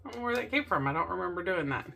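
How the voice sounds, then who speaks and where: Excitable woman hosting a craft vlog. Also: lowish voice, very fast, gravelly, a little hiss or hum. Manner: gushing, excitable, talks to viewers. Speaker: crafting channel host. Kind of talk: casual DIY tutorial vlog.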